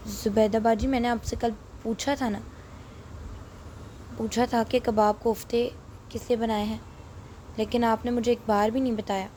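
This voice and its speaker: A woman voicing a meek, sorrowful middle-aged mother in an audio story, who speaks softly. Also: fairly high pitch, little pitch movement, pauses often, slight background noise, natural voice. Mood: hurt. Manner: soft, hurt, subdued.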